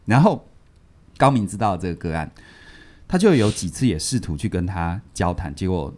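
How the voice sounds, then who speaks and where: On a podcast, a co-host with a deep voice goes over a book, recounting a story from it at a moderate pace. His telling is casual and lively, full of repeated words and laughter.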